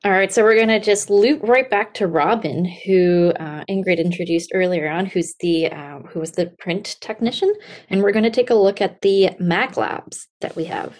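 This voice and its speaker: A woman's voice: medium pitch, normal speed. Young woman hosting an online event. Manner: enthusiastic, hesitant, with fillers. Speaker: host and instructor. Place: room at home. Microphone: laptop webcam on a video call.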